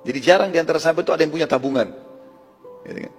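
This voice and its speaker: Fast-talking preacher telling a story. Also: male voice, fairly high pitch, in a large hall, soft background music. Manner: conversational, explains Arabic terms. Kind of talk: storytelling religious lecture.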